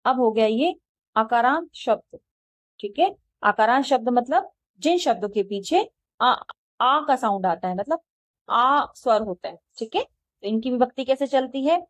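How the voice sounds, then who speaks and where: A woman teaching a language lesson, saying each word slowly and then translating it. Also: fairly high pitch, animated, dry recording. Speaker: Sanskrit teacher. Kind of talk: slow classroom explanation.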